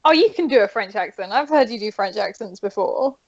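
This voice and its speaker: A woman's voice: medium pitch, lively intonation, brisk, lo-fi sound. A woman as a player in a tabletop game, teasing and playful.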